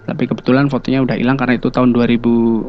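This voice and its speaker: A man calmly recounting his own ghost encounters in a casual interview, hesitating often. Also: mid-range voice, racing. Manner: relaxed, hesitant, many fillers. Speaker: guest telling ghost experiences. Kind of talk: casual storytelling. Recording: dull lo-fi sound.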